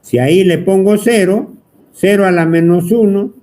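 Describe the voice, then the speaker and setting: A man's voice: high voice, normal speed, warm tone. A man teaching an electronics class, talking at length and teasing his students. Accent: Peruvian Spanish. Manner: chatty, teasing, asks the class constantly. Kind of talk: whiteboard lecture.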